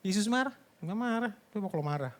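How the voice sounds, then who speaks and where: A preacher delivering a conversational sermon, swinging between loud emphasis and hushed near-whispers and asking the congregation questions. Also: mid-range voice, expressive, fast.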